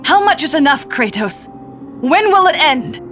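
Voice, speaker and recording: A woman's voice: high-pitched, big pitch swings, measured pace, a bit bright, faint music behind, heavily acted. A woman voicing a weary, reproachful warrior's wife in a video game, pleading and accusing. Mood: accusing, upset. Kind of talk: dramatic video game voice acting. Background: faint game score.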